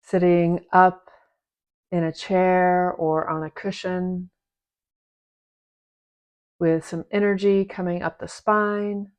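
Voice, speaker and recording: A meditation teacher with a low-pitched voice guides a meditation slowly, giving soft instructions in a flat delivery. She is gentle and unhurried, leaving long pauses between short phrases.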